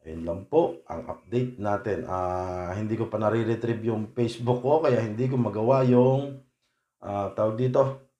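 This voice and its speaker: A man from the Philippines with a very low voice talks casually to his viewers, polite and unhurried, often stopping on "ah" between phrases. His voice bounces around an echoey room. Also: warm tone, muffled recording. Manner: polite, uses po, hesitant with frequent "ah" fillers. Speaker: vlogger. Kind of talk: casual vlog update to viewers.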